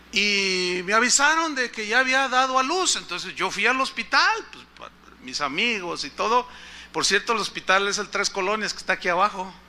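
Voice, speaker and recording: A pastor delivers a sermon in a high, sharp, bright voice for a man. He recounts a story and turns to the congregation with questions.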